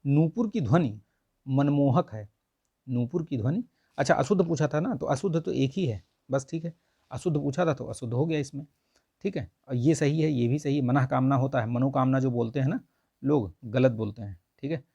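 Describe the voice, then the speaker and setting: A man's voice: mid-range voice, normal speed, gravelly, warm tone, slightly rough, no room sound, dull audio. A man teaching an online Hindi grammar lesson for an exam, explaining patiently and saying "theek hai" again and again. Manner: repeats "theek hai" constantly, coaxing and explanatory.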